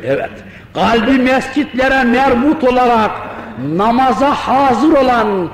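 An older Sufi sheikh delivers a storytelling sermon, fervent and reciting sacred verses. His voice is unusually high for a man. It booms through a roomy hall with a long, trailing reverb. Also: a little slow, slight background noise. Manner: fervent, recites Arabic verses, at times shouting.

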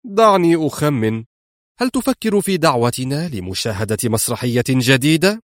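A man's voice: mid-range voice, lively intonation, a little fast, dry recording, studio quality, natural voice. A man reading an audiobook and voicing a cool, sarcastic adult male hero.

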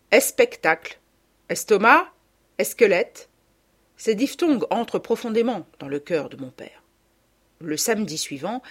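A woman reading a literary novel aloud as an expressive audiobook narration. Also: fairly low pitch. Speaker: audiobook reader.

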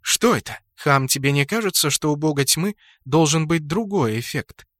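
A woman's voice: low voice, very animated, moderate pace, fairly bright tone, no echo, clean studio sound. A male audiobook narrator voicing a shrewd young woman gamer who speaks in a wry, probing way. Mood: curious, wry. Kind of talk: audiobook character voice.

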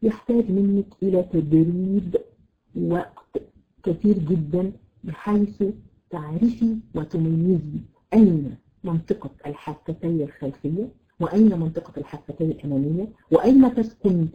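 A woman with an Egyptian Arabic accent teaching Quran recitation, repeating letters slowly to demonstrate and checking on her students by name. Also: lowish voice, muffled recording. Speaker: tajweed teacher. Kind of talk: live online Quran recitation lesson.

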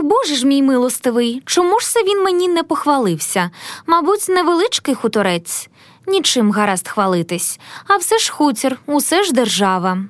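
Expressive woman reading a story. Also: sits high, no room sound. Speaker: audiobook reader. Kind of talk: scripted narration of a classic story.

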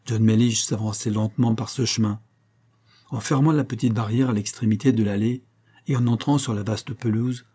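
Husky-voiced man narrating a novel. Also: lowish voice, warm tone. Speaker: audiobook narrator.

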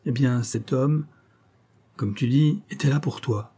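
A man's voice: mid-range voice, measured pace, dark tone. A man voicing an anguished young woman defending herself to her lover in an audiobook, in urgent, pleading sentences. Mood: defensive.

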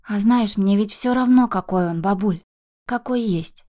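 A woman's voice: mid-range voice, a little slow, warm tone, lightly acted. Woman voicing a heartbroken young woman. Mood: tender, resolute.

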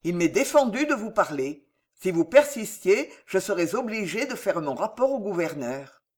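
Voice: medium pitch, sing-song, normal speed, a little mellow. A reader voicing a blunt male jailer who gives brusque warnings to a prisoner, in a French audiobook. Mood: stern. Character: curt, stern male jailer.

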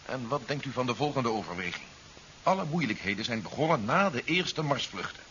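A man's voice: medium pitch, sing-song, fairly quick, sharp tone. A man playing a resolute, coolly calculating general in a 1970s science fiction radio play, articulate and matter-of-fact. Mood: firm, persuasive. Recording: dull 1970s radio recording with hiss.

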